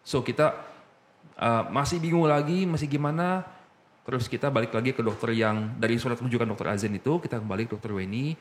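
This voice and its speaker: A man's voice: mid-range voice, a little fast, slight background noise. Man telling a personal story casually. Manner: mixes English phrases into casual talk, animated when recounting. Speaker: guest telling his story.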